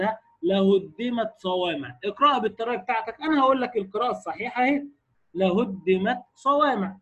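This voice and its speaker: A man with an Egyptian accent lectures on Quran recitation in a high, husky voice. He keeps prodding the class with short questions and drags his example words out slowly to show the sounds. It is a recorded lesson for his students. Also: a bit bright, dull audio. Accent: Egyptian Arabic.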